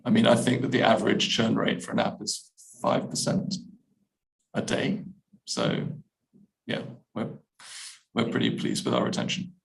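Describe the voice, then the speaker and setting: A man with a low, gravelly voice answers questions in a webinar. He talks haltingly, stopping and restarting his sentences often. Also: very animated, low-quality recording. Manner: hesitant, many restarts and fillers. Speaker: app editor answering questions.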